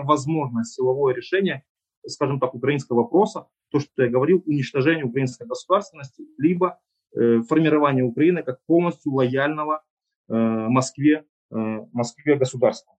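A man from Ukraine giving analytical interview answers in a measured, deliberate way, often pausing on hesitation sounds. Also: medium pitch, slightly rough, low-quality recording. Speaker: political analyst, interview guest.

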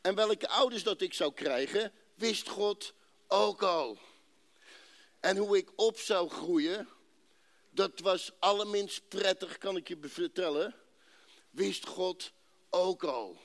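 A man from Rotterdam giving an emotional personal faith testimony to a congregation, telling his story dramatically and emphatically, with drawn-out pauses. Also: high voice, fairly bright tone. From Netherlands, Rotterdam.

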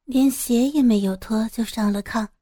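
Brief: woman storyteller reading a serialized story, calm and steady, mellow and dry. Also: a little high, normal speed, dry recording. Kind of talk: scripted audio story narration.

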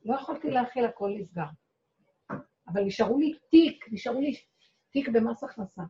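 A woman's voice: on the high side, lively intonation, mellow, muffled recording. A woman speaking as a rebbetzin, telling a personal story to an audience in a dramatic way. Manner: dramatic storyteller who acts out her own cries and quotes. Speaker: rebbetzin giving a talk. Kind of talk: personal testimony told to an audience.

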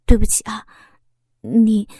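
A woman's voice: mid-range voice, lively intonation, slow, warm tone, slightly rough, no room sound, studio quality. A woman voicing an earnest, lovestruck young man who stammers urgently in an audiobook. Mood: apologetic. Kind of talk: audiobook character voice.

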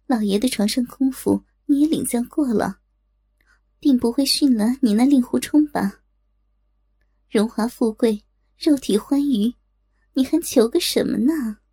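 A woman's voice: on the high side, unhurried, pauses often, dark tone, slightly rough, dry recording, clean studio sound. A woman doing a sly mocking concubine. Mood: taunting. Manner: mocking, honeyed, taunting. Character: sly scheming woman in her thirties, a concubine.

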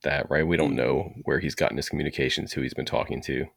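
A man's voice: a bass voice, steady tone, quick pace, gravelly, a bit bright, no echo, studio quality. A man co-hosting a podcast, chatting casually and raising questions about the story. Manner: conversational, questioning. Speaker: podcast co-host. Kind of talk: casual chat.

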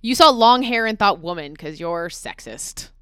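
A woman's voice: medium pitch, expressive, normal speed, fairly bright tone, smooth, dry recording. A woman co-hosting a casual chat and recapping a video game's plot, laughing often and acting out characters' lines. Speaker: podcast co-host.

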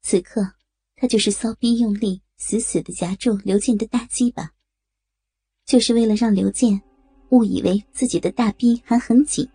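A woman narrating an explicit adult audio story in a steady, matter-of-fact reading voice. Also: a little high, moderate pace, slightly rough, dry recording. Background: faint music.

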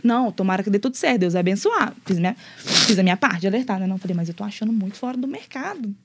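A young adult woman, a guest on a podcast, telling her own story casually and in an animated way, acting out what people said. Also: mid-range voice, racing, a little hiss or hum. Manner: animated, storytelling with lots of quoted dialogue.

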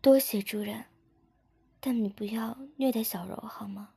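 A woman voicing a frightened young woman who begs in a soft, half-whispered, husky voice. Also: fairly high pitch, unhurried, pitched above the performer's own voice, full character voice. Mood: pleading.

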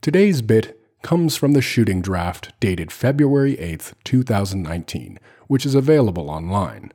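A man hosting a screenplay read-through, reading stage directions in a measured, expressive way. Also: lowish voice.

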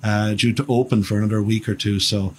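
Speaking as a guest on the radio, a priest from Ireland in his fifties rambles in a chatty, halting way full of restarts and fillers. He has a lowish, husky voice and keeps a steady tone.

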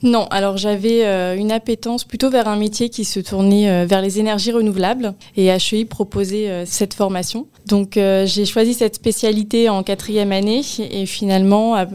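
A young woman from the Paris region, a senior property programme manager, answers interview questions as a guest. Her medium-pitched voice is clear, resonant and darkish in tone, and she explains things with frequent hesitations.

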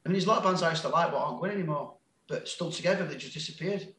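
A music label founder appearing as a guest on a casual podcast speaks rapid-fire in a broad Sheffield accent, his fairly bright voice sitting a little high for a man. He rambles, keeps restarting sentences, and laughs often at his own expense. The room adds a noticeable echo.

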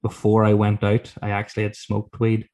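A man from talks in a fairly low voice. He tells anecdotes casually as a guest, rambling along with self-deprecating humor and plenty of swearing. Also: completely flat delivery, moderate pace, dark tone. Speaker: guest author telling stories from his book.

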